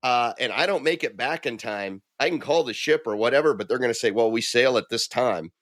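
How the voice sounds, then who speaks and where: A man's voice: mid-range voice, expressive, brisk, fairly bright tone, no echo. A middle-aged man co-hosting a podcast chats casually in a mid-range voice. He tells his stories with animation and acts out the quoted voices as he goes. The sound is close and dry. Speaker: podcast co-host. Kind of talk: casual chat.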